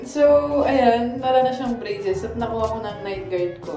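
High-pitched young woman vlogging playfully. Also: normal speed. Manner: playful teasing. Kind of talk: casual vlog chat. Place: small tiled restroom, dental clinic and mall indoors. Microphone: phone at arm's length. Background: background music.

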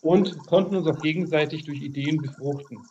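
Earnest higher-voiced man giving a toast. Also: a little fast, dark tone. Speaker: guest giving a congratulatory speech. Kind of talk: informal ceremonial toast. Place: room with bookshelves. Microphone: video call webcam. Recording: dull, noisy video-call audio.

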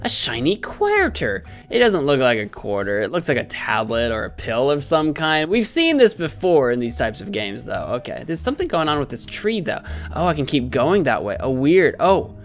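A man's voice: mid-range voice, big pitch swings, moderate pace, hardly any pauses. A man in his thirties giving playful let's play commentary, goofily musing aloud into a close mic. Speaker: host, gaming streamer. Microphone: close desk microphone on webcam stream. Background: faint game music.

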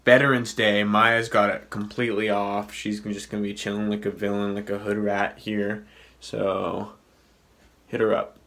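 An easygoing young man chats into a phone held at arm's length, signing off for the night. His voice sits low and stays level, with little lift in the pitch. He talks in a loose, chatty way. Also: level tone, normal speed, a bit bright. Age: young adult. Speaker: vlog channel member. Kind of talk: casual vlog.

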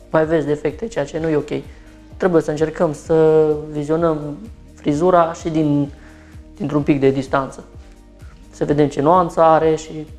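A Romanian barber in his thirties talks through each step of a haircut as he works in a small shop. His voice is fairly high and a little mellow.

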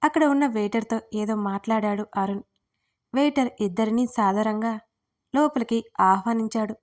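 Woman narrating an audio story, slightly high voice. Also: moderate pace. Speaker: writer and narrator.

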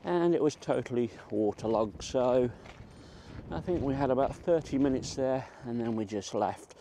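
Out on a walk in a country park, a middle-aged vlogger makes easygoing conversation. He has a mid-range, dark-toned voice and a moderate pace, with faint outdoor sounds in the background.

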